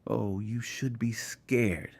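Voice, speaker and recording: A man reading the part of a cruel, sneering male sailor who menaces two shipmates, in a low, venomous voice. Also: lively intonation, moderate pace, breathy edge, no echo. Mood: menacing.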